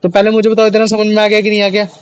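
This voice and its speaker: Brief: male tutor, high pitch, chatty, keeps quizzing students, mix. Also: monotone, rapid-fire, clear, resonant tone, dull audio. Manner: chatty, repeats questions to students, many fillers. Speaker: teacher. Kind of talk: classroom biology lesson.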